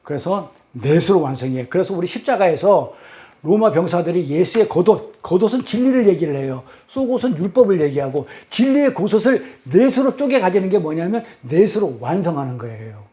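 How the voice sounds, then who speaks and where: A man's voice: sits high, very animated, a little fast, dark tone. A man leading a Bible study class, quizzing his listeners with rhetorical questions in an emphatic, repetitive teaching cadence.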